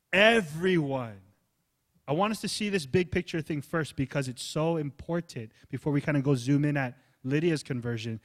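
A man preaching a sermon as pastor, swinging from loud emphasis to soft, low asides. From United States. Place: church hall.

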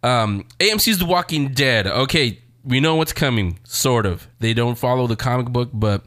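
With a medium-pitched, slightly bright voice and lively intonation, a man talks at a moderate pace, his sound clean and free of echo. He's the host of a loose, conversational show reviewing TV, rambling as he speaks straight to his listeners.

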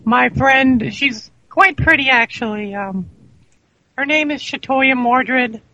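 A man's voice: very high-pitched, slow pace, sharp tone, no room sound, dull audio. A man speaking hesitantly with stammers as a band member guest in a comic mock interview.

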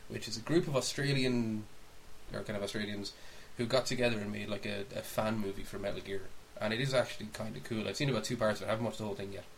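With a voice on the low side, a man rambles informally as a podcast co-host, offering opinionated views and recommendations in casual conversation. The audio quality is poor, and faint hiss sits underneath.

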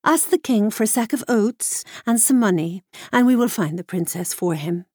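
A woman voicing a wise talking mare who gives quick, urgent advice. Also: medium pitch, animated, darkish tone, no echo, studio quality, natural voice. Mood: urging.

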